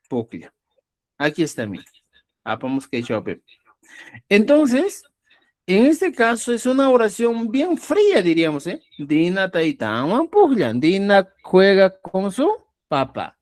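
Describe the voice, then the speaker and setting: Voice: medium pitch, a little mellow. A teacher gives a lesson, stressing example words and checking in often with the listeners. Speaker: Quechua writing teacher. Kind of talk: explanatory lesson.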